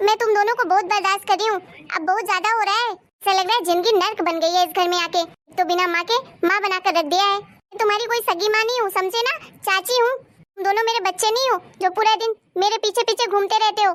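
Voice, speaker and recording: A woman voices a young aunt in a cartoon story, a new bride in the family who turns resentful and harsh. She speaks in a high, fairly quick voice, sharp-tongued and complaining.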